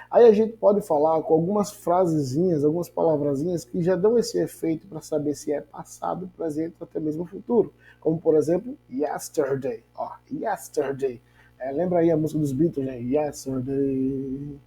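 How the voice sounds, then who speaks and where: Very dark-voiced teacher. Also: medium pitch, rough recording. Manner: asks rhetorical questions and drills examples slowly. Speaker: English teacher. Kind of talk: online grammar lesson.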